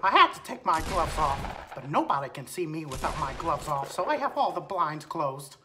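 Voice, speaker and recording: A man's voice: a little high, big pitch swings, normal speed, noisy background, pitched below the performer's own voice. A man voicing a cheerful male cartoon mouse as a prank on game voice chat, sheepish and evasive. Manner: sheepish, evasive, playfully silly.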